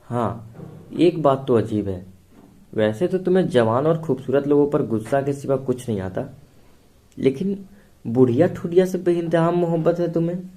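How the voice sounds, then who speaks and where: A man's voice: medium pitch, measured pace, warm tone, natural voice. A man voicing a teasing young woman. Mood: playful. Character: playful jealous young woman, lover. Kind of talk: storybook reading.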